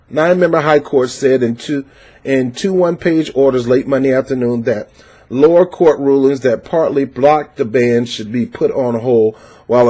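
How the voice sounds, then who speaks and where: A medium-pitched, somewhat mellow voice belongs to an American man giving opinionated political commentary. He reads a news article and reacts to it with passionate, preachy emphasis and lots of fillers.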